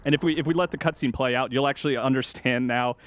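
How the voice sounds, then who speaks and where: With a fast, slightly bright, medium-pitched voice, a male video game journalist hosts a game show segment and explains the gameplay in an eager, casual way. There's a little background noise in the recording.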